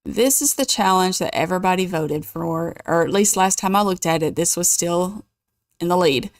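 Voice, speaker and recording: A woman hosting a gaming channel, chatting casually and reading game rules aloud at an easy, even pace. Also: fairly low pitch, normal speed, dry recording, clean studio sound.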